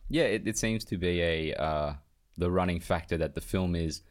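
A man's voice: deep voice, moderate pace. A man co-hosting a casual film review podcast, rambling and laughing a lot. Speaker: podcast co-host.

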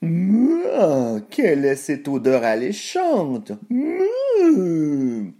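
A man voicing a greedy cow that speaks slowly with drawn-out mooing sounds for a storybook. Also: fairly high pitch, wildly swooping pitch, mellow, voice pushed up, heavily acted. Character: greedy slow-chewing cow.

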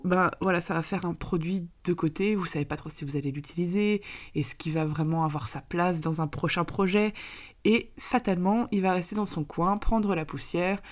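A woman with a hoarse, raspy voice, getting over an illness, explaining practical advice step by step in a vlog. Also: fairly low pitch, moderate pace, darkish tone. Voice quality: raspy, gravelly voice. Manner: didactic, step-by-step explaining with examples. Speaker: minimalism coach and author, presenter.

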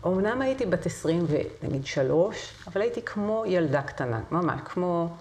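Middle-aged woman, lower voice, telling stories. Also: lively intonation, darkish tone, a little hiss or hum. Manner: vivid storyteller, hesitant fillers. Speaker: singer and voice teacher, guest. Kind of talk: conversational interview.

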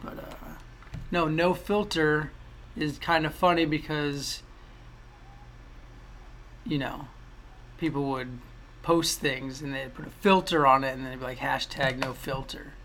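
A young man co-hosting a casual podcast, teasing his co-host with quick playful questions. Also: a little high, steady tone, a bit bright, slight background noise. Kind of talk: casual chat.

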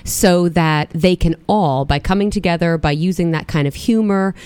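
A woman's voice: fairly low pitch, moderate pace, a little mellow, clean tone, no room sound. A woman guest being interviewed in a studio, her voice scratchy from a recent illness, explaining at length with frequent fillers. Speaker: podcast guest.

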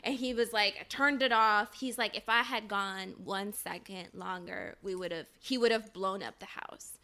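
A woman co-hosting a podcast and recounting an anecdote in a relaxed, conversational way. She leans on "like" and "you know" and slips in short laughs. Her voice is bright and forward at a middle pitch. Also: a little slow. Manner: chatty, many "like" fillers, laughs between phrases. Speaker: podcast co-host. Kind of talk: casual conversational storytelling.

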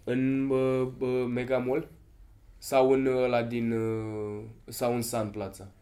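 A man's voice: medium pitch, completely flat delivery, mellow. A man co-hosting a podcast in casual chat, swearing a lot and laughing often. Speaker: podcast co-host.

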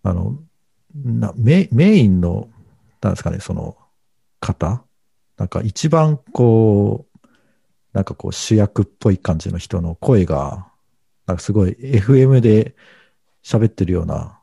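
Low gravelly man, dark and dry. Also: no room sound. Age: middle-aged. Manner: hesitant, rambling with many fillers. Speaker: podcast co-host. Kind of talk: casual podcast chat.

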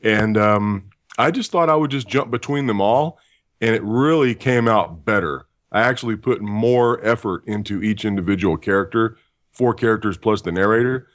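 Answering questions in an interview, a voice actor with a deep voice brings a dry, self-deprecating wit. He keeps a moderate pace, and the recording is dry.

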